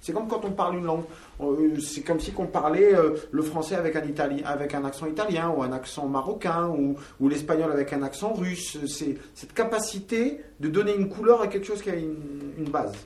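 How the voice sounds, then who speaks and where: Band member from Algeria, male, slightly higher voice, chatty and halting, recorded roomy and off-mic. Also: a little mellow. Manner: talkative, searching for words with many fillers. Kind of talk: interview answers. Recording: roomy, from a distance.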